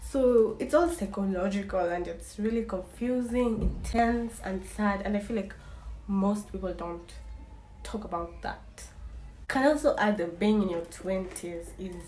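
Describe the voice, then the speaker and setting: Talking a little slowly at medium pitch, a twentysomething vlogger with a darkish tone speaks candidly and wryly to her camera. She wanders and frequently starts over, recorded in a small, echoey indoor room with faint ambient hiss.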